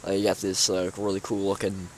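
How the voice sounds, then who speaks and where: Young man, lowish voice, rambling game walkthrough, sleepy, offhand, faint hum behind. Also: completely flat delivery, moderate pace. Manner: rambling, offhand, many fillers and restarts. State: sleepy, yawning. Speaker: gaming YouTuber. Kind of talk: casual gameplay walkthrough commentary.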